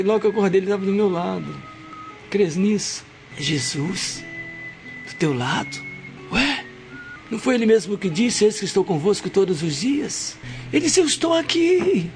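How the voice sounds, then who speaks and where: A man preaching a sermon, swinging from hushed, slow passages to loud, high shouts, and reading scripture slowly. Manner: reads scripture aloud slowly. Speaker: pastor.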